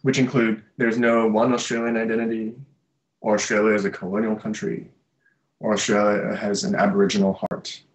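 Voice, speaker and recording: This young adult artist and social worker from Malaysia and Singapore has a lowish, level voice and speaks briskly. In a small, bright room, he delivers a reflective interview monologue to a desk webcam, thoughtful and full of fillers and restarted sentences. The audio quality is poor.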